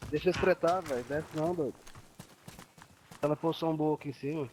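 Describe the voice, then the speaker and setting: A Brazilian man gives casual advice to his gaming squad. He speaks very fast in a fairly high voice. Game noise and clicks are clearly audible. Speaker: gamer, teammate.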